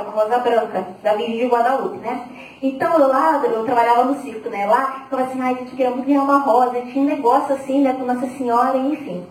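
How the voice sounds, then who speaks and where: A young woman giving a lively, chatty faith testimony, acting out her own past reactions. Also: on the high side. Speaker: community member giving testimony. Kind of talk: personal faith testimony talk. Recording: very echoey, from far off, faint noise.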